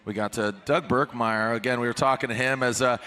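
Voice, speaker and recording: A man giving live motorsport commentary from a booth in an excitable, chatty way. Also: medium pitch, fairly quick, smooth. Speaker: event commentator.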